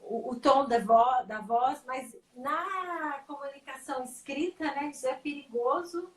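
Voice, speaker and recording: A woman's voice: sits high, unhurried. A woman with a Brazilian Portuguese accent hosting a casual live chat, agreeable and conversational. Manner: agreeable, brief interjections. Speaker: host. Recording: distant echoey mic with faint noise.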